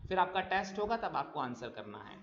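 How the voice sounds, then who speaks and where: A man teaching spoken English, reading example sentences slowly and clearly with quick explanations in between. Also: fairly high pitch, sing-song, a bit bright. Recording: echoey, dull lo-fi room sound.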